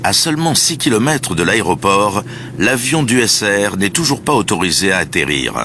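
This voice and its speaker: A man's voice: lowish voice, big pitch swings, moderate pace, a little hiss or hum. A man reading scripted documentary narration in French. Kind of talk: scripted narration, present tense. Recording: music bed behind the voice.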